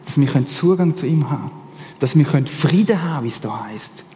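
A man with a Swiss German accent preaching a casual, animated sermon as pastor. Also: mid-range voice, fairly quick. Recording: long hall reverb.

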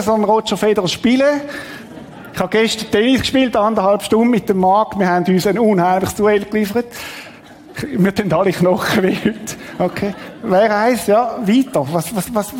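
A man's voice: sits high, a little mellow, a little hiss or hum. A middle-aged man, giving a conversational sermon as a pastor and asking the congregation questions. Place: church hall. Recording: long hall reverb.

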